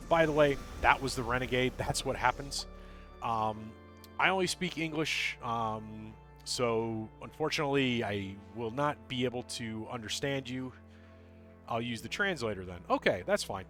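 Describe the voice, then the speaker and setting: A man streaming a video game, chatting casually with viewers; he talks fast, mumbles and rambles with lots of ums and uhs. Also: mid-range voice, animated, a bit bright, faint music behind. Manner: tends to mumble and talk fast.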